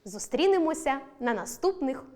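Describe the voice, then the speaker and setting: Woman teacher with a Ukrainian accent, recorded lesson, high, animated delivery, leans on key words. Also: background noise. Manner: slow, deliberate stress on example words.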